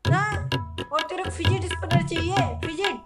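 A man's voice: very high voice, level tone, moderate pace, loud music behind the voice. A young man playing a stern, stingy father who nags and scolds his son in a comedy sketch. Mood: scolding. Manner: nagging, scolding.

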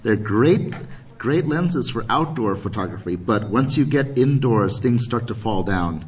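A man's voice: medium pitch, lively intonation, unhurried, far from the mic, slight background noise, low-quality recording. A man giving a photography workshop at a convention, talking casually with many ums and restarts. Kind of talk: live convention workshop talk. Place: convention panel room.

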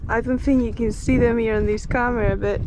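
A woman's voice: on the high side, steady tone, fairly quick. A woman in her thirties narrating a sailing vlog into a handheld camera, cheerful and giggly, speaking casually. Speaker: sailing vlogger. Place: outdoors on a small boat and in a small cabin. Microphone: action camera at arm's length. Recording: clear wind and water noise.

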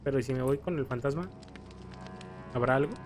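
Over video game music and some background noise, a Mexican-accented man riffs briskly on his playthrough in a mid-range voice. The gaming creator keeps things casual with jokes and playful outbursts.

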